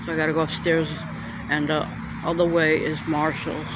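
A man's voice: fairly high pitch, monotone, normal speed. A man filming a casual walking tour of a shopping plaza on his phone, in a New York accent, thinking aloud as he goes. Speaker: vlogger. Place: outdoor shopping plaza sidewalk. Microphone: handheld phone camera. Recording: outdoor street noise on phone.

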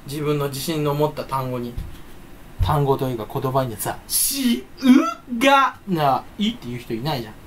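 Animated stuffy-nosed man rambling playfully. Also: mid-range voice, a little hiss or hum. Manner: playful, rambling, breaks into silly voices. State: stuffy nose. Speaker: YouTuber. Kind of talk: casual solo chat.

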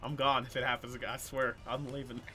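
A man's voice: medium pitch, flat delivery, brisk, sharp tone. A young man streaming a game, raging, swearing and laughing at himself. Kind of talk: casual gaming stream chat.

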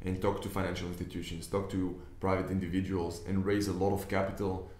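A young investor from Israel whose first language is Hebrew sits at an office desk giving a casual talk to camera. His voice is low, darkish, and fairly even, with a flat, slightly fast delivery, and he earnestly explains his points while often restarting. There's a clear echo in the room.

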